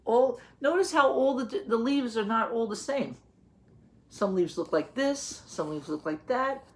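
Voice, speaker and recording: Reading a picture book to young children, this teacher in her thirties sounds expressive, with a fairly high pitch. Gentle throughout, she pauses for questions and simple word explanations, and she's near a webcam in a small home office.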